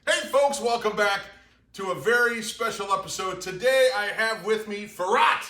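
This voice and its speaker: A man's voice: sits high, moderate pace, pushed and bright, reverberant. A man hosting a casual bar show, joking and upbeat as he chats with a guest. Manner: jokey, upbeat, loose. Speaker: host. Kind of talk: casual chat.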